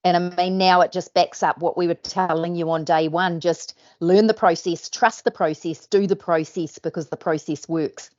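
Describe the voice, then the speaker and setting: Upbeat woman hosting, lower-pitched. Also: steady tone, moderate pace, hardly any pauses, darkish tone, highs cut off. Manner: upbeat, encouraging, coaching tone. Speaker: hypnosis trainer and host. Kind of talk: casual interview chat.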